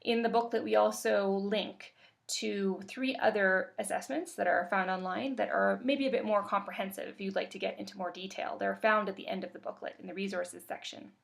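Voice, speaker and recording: A woman from Canada giving a webinar presentation as a workshop facilitator, calm and measured with occasional fillers. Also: medium pitch, gravelly.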